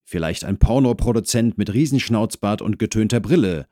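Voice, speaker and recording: A man's voice: on the low side, moderate pace, dry recording, studio quality. Fields: Sex: man. Style: wry comic audiobook narration. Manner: wry, lively storytelling.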